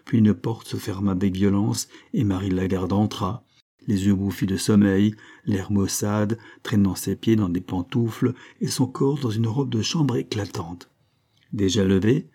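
Male audiobook narrator, dark and husky, measured novel reading. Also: on the low side, steady tone. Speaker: audiobook reader.

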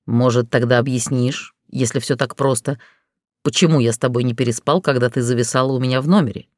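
A cocky dragon man with an inner flame, played by the reader, in an audiobook. His lines come slightly lower and blunt, with dry teasing. The sound is dry and close. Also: steady tone, brisk, dry recording, natural voice. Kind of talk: audiobook character dialogue.

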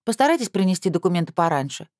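A woman's voice: lowish voice, sing-song, very fast, darkish tone, no room sound, studio quality, pitched above the performer's own voice. A woman reading aloud and voicing a harried, irritated young female admissions secretary in a storybook reading. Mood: businesslike. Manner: irritated, curt.

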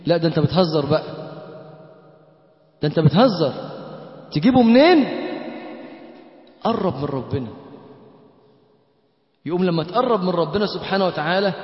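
Man, Egyptian accent, preacher, high pitch, rhetorical questions, loud-to-soft swings, long hall reverb, dull lo-fi sound. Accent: Egyptian Arabic. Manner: rhetorical, questions the congregation directly; swings between loud emphatic lines and soft slow chanting. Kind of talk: colloquial sermon with Quran recitation.

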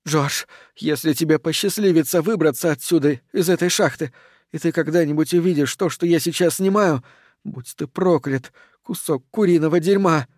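A man reading a storybook voices a frightened young woman who speaks through tears in a hushed, shaky way. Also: deep voice, fairly even intonation, moderate pace, no room sound, clean studio sound, close to an everyday voice. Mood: tearful. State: crying. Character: young woman, terrified, weeping, bitter.

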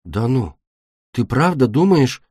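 A man voicing a gentle, hesitant young male dragon in a storybook reading, soft and quiet. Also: medium pitch, sing-song, slow, husky, dry recording, studio quality, full character voice.

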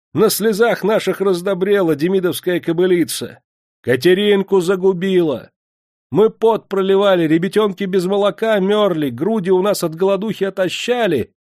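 A man's voice: animated, normal speed, a little mellow, dry recording, studio quality. A man shrieking as a mob of furious factory women. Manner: shrill, shrieking accusations.

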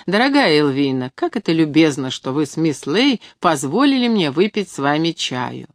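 Storybook: teasing gallant gentleman, as a woman reader plays him, playful, dry close mic. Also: sits low, big pitch swings, moderate pace, no echo.

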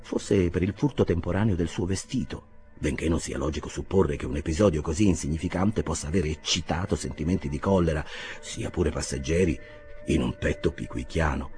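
A man narrating a classic novel aloud in a theatrical, expressive reading. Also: a bass voice, a little fast, faint music behind. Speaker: audiobook narrator. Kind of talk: scripted narration, literary reading.

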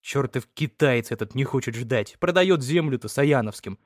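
A man's voice: medium pitch, lively intonation, moderate pace, dry recording, studio quality, natural voice. A man voicing a gloomy, irritable young peasant man who grumbles moodily. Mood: sullen, grumbling. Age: young adult. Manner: grumbling, moody.

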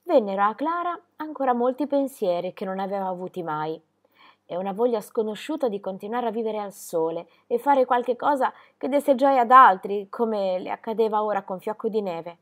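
A woman's voice: mid-range voice, expressive, normal speed, fairly bright tone. Woman reading a story expressively. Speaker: reader. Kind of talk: audiobook narration.

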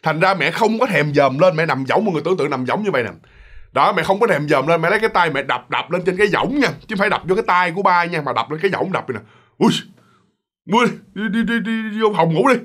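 A man tells a ghost story in a relaxed, chatty way, with a Southern Vietnamese accent. His voice sits a little high for a man. He often turns to his listeners and acts out the creaks and sounds of the tale. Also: very fast. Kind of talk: casual ghost story narration.

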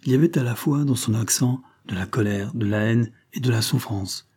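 A man reading a classic novel aloud as audiobook narrator, in a steady, measured way. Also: medium pitch, slightly rough.

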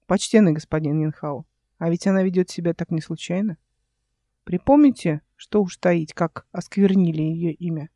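A man's voice: a little high, moderate pace, mellow, no echo, studio quality, close to an everyday voice. Man doing a pompous imperial messenger. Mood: earnest. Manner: grand, pompous. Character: proud stately male imperial messenger.

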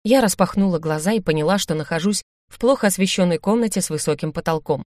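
A woman narrating a fantasy audiobook in first person with lively, expressive delivery. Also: on the low side, fast, no room sound, studio quality.

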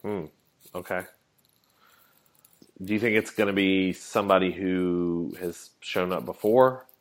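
A man's voice: deep voice, fairly even intonation, measured pace. A man co-hosting a casual comics news podcast, mostly giving short agreeing replies. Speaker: podcast co-host.

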